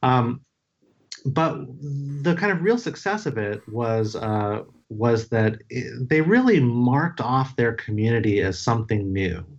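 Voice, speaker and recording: Low-voiced man, halting, in dull audio. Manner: halting, thoughtful, frequent "right?" tags. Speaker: guest, author. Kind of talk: conversational academic explanation.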